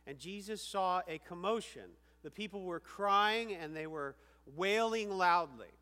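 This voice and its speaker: A man preaching a sermon as a pastor, emphatic, swinging between loud stresses and quiet asides and asking the listeners questions. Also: high voice, measured pace. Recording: reverberant hall.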